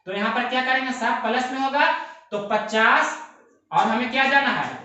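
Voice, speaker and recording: A man's voice: very high-pitched, normal speed, pushed and bright, lo-fi sound. A young man teaching a math lesson, explaining step by step and often repeating himself and asking rhetorical questions. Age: young adult. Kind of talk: exam-prep math lesson. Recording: very echoey room.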